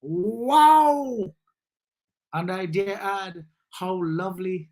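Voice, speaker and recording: A man hosting a live session, giving reflective commentary that turns into motivational preaching in a measured way with emphatic rises. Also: high voice, fairly bright tone.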